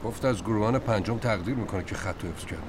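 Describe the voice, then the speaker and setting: Casting note: a man as a weary wounded officer, very deep, quiet, noisy background. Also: natural voice. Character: wounded, tired male officer.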